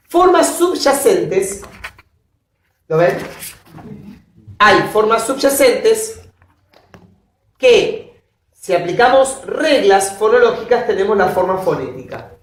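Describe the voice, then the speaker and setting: A woman giving a university lecture, often checking that her students follow with quick questions. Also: mid-range voice. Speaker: linguistics lecturer. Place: classroom. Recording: roomy classroom audio from a distance.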